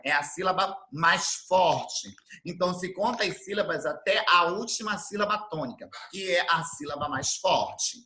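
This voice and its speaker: A man from Brazil teaching an online class, explaining things slowly and repeating his definitions. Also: high voice, bright, forceful tone. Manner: slow, didactic, repeats definitions. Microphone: computer mic on video call.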